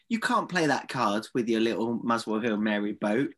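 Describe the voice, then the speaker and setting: An Essex man in casual, argumentative back-and-forth. His pitch moves around in a lively way as he piles up repeated phrases to make his point. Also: normal speed. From Essex, England. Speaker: podcast co-host. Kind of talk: casual bickering chat.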